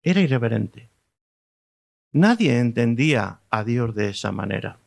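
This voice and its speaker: A man with a Spanish accent delivers a teaching sermon to his congregation. He talks at a middle pitch, repeating key words for emphasis and checking in with rhetorical questions. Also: animated, measured pace, creaky. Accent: Spanish from Spain. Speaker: preacher.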